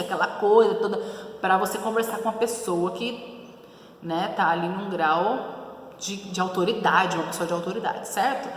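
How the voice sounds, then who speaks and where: A woman teacher with a São Paulo accent giving a class, asking questions and answering them herself, checking in often. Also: lowish voice. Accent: São Paulo Brazilian Portuguese. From São Paulo, Brazil. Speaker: schoolteacher. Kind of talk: recorded class lesson. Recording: very echoey roomy recording with faint noise.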